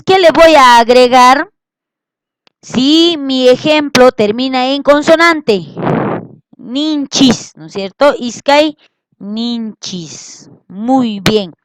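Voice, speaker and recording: A woman teaching a language lesson, slowly repeating words and often checking that her students follow. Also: high-pitched, smooth, no room sound, low-quality recording. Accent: Peruvian Spanish. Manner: slow, patient, repeats words and checks understanding. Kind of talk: classroom lesson.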